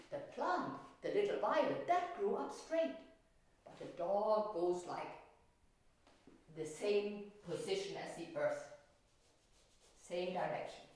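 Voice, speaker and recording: A woman in her sixties who teaches art and tells stories speaks in a mid-range, slightly mellow voice, explaining plainly as if to young children during a storytelling and painting lesson. She is indoors in a wooden-floored classroom, recorded from a distance in a very echoey room.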